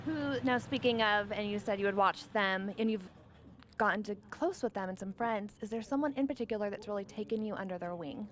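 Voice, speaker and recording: A woman's voice: medium pitch, a little fast. A woman asking conversational questions as a sports interviewer.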